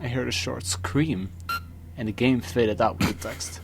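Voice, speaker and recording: A man reading a scripted first-person horror story, dramatically, with pauses for suspense. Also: medium pitch, gravelly, background noise. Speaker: creepypasta narrator. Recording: music behind the voice. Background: music.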